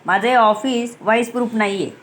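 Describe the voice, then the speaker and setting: Domineering male boss, low stern voice, put on by a woman narrator. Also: steady tone, brisk, slight background noise, natural voice. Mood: menacing.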